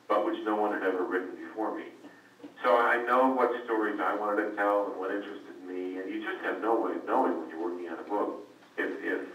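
Low-voiced man on an echoey distant call. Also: a bit bright. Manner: hesitant, often repeats words as he restarts. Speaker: author guest. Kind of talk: conversational storytelling on a conference call. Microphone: conference call line. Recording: echoey, distant, faint noise.

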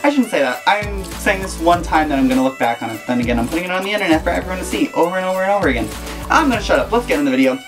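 A man's voice: high voice, expressive, very fast, music in the background. A young man hosting a vlog, chatting casually to camera in a small room. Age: young adult. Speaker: vlog host. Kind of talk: casual video intro to camera.

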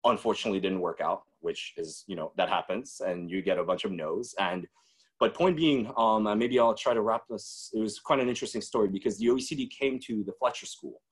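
A man in his twenties from the Czech Republic speaks as a webinar guest over a video call. His voice is fairly low and a bit breathy, and he talks fairly quickly in a loose, casual way, full of "you know"s and restarts.

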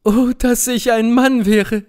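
A man's voice: high-pitched, slow, a little mellow, pitched above the performer's own voice. A man voicing a passionate young noblewoman, fiery and grieving, in an audiobook reading with impassioned outbursts. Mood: indignant.

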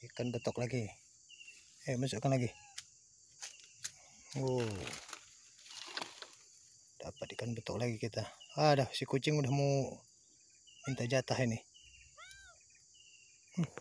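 A man narrates a casual fishing vlog slowly and unhurriedly, in a voice of middling pitch. He is outdoors on the bank of a pond, recorded on a handheld phone. Faint crickets and insects chirp behind him. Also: slight background noise. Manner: slow calm narration, bursting into excited shouts at each catch. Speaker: vlogger filming his wife fishing. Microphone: handheld phone camera.

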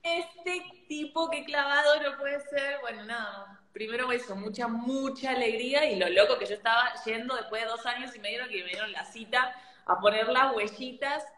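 A woman producer chatting excitedly and emphatically. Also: a little high, moderate pace. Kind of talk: casual chat. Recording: roomy echo.

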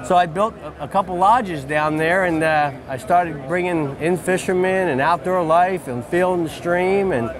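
Interviewed at his booth in a busy indoor convention hall, a man in his forties who runs a fishing lodge eagerly recounts his story, repeating phrases as he goes. He speaks high-pitched at normal speed with few pauses, captured on a lapel mic over crowd chatter.

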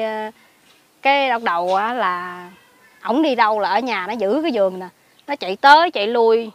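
A woman with a Southern Vietnamese Mekong Delta accent, a lay Buddhist recluse telling a story outdoors in a garden, swinging between hushed asides and excited outbursts. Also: a little high. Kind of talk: casual spoken storytelling.

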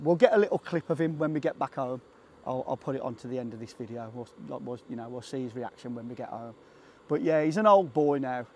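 A man's voice: mid-range voice, dark tone. Chatty man on a trail hike. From England. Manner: chatty, self-mocking, talks to his dog between thoughts. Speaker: vlogger. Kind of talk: casual vlog chat. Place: outdoors on a hiking trail.

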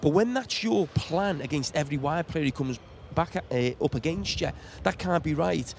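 Middle-aged man, gravelly, higher voice, pointed challenging tone, outdoor stadium. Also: normal speed, slight background noise. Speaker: football pundit. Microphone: handheld mic.

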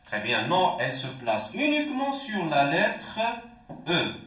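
A man's voice: fairly high pitch, wildly swooping pitch, measured pace, a bit bright. A man with a Moroccan accent teaching a primary French lesson, repeating words and asking questions he answers himself. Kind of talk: classroom lesson. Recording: very echoey room.

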